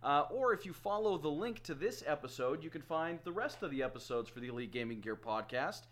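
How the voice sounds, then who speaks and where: A man with a fairly high voice hosts a casual podcast. He jokes, laughs often and pitches promos with eager hype. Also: expressive, brisk, fairly bright tone. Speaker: podcast host.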